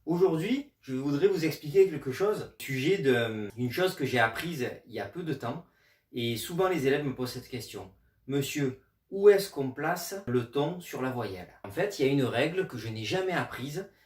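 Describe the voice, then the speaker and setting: A man teaching a language lesson, patiently explaining rules and slowly spelling out letters. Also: medium pitch, expressive. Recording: echoey room, mic at a distance.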